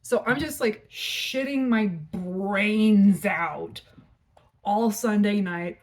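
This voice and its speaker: A woman's voice: medium pitch, drawn-out words. A woman vlogger telling a story in a casual, frank and profane way, rambling with lots of filler words.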